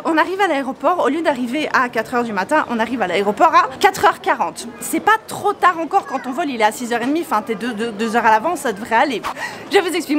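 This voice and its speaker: A young woman vlogging to her viewers in a loose, storytelling manner. She sounds animated and exasperated and swears freely. Her voice sits a little on the high side. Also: a little hiss or hum. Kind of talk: casual storytelling vlog.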